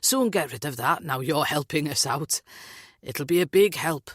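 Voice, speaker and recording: A woman's voice: fairly low pitch, lively intonation, normal speed, no echo, lightly acted. A woman voicing a blunt, jokey middle-aged Welsh man who grumbles, in a dry close recording. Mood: grumbling.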